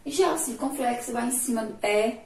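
A woman teacher with a Sergipe Brazilian accent, giving a remote lesson, stretching syllables slowly and praising her pupils' answers. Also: fairly high pitch, creaky, darkish tone. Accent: Sergipe Brazilian Portuguese. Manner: slow, drawn-out syllables, asks pupils questions and praises answers. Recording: echoey room, voice far from mic.

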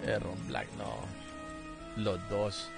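With a low, vocal-fry voice that barely moves in pitch, the Salvadoran streamer talks extremely slowly. He is middle-aged, playing a fighting game indoors at home, casually greeting viewers by name on a headset mic. Game music blares behind him, mixed with sound effects.

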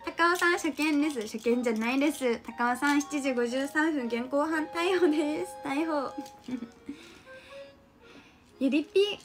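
A woman's voice: high-pitched, unhurried, long pauses, over music. A young woman streamer with a mixed Kansai and Kanto lilt, chatting casually as she reads out viewer comments and giggles often. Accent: mixed Kansai and Kanto intonation. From Japan. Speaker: streamer reading chat comments. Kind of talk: casual live-stream chat.

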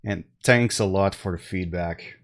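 A Canadian tech deals streamer in his thirties chats with his live audience through a headset from a small room at home. Slightly congested, he talks slowly and relaxed in a fairly low voice, with many fillers, pauses and restarts.

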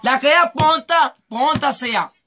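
In a street interview, a man with a very high, sharp, piercing voice rambles on, pleading in circles and asking the same questions over and over. He grew up in Mehedinți, Romania.

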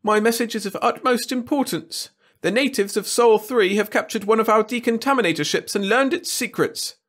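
A man's voice: high voice, normal speed, fairly bright tone, pitched above the performer's own voice. Man putting on a whining alien war lord. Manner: whining, pleading.

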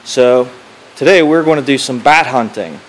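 A man's voice: medium pitch, moderate pace, low-quality recording. A man filming himself in a large barn with a handheld phone camera, giving laid-back, joking commentary to the camera. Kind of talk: casual self-filmed commentary.

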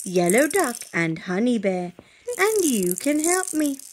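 Woman reading as a kind, gentle little girl. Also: a little high, very animated, a little slow, slight background noise.

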